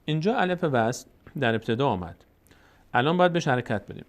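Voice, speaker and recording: A man with a middle-pitched voice teaches how to read the Quran aloud. He talks through each rule in a plain explaining tone, then drags the example words out syllable by syllable so the students can hear every sound. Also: big pitch swings, creaky. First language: Tajik. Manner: explains rules then slowly drawls recited words. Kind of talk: recorded tajweed lesson.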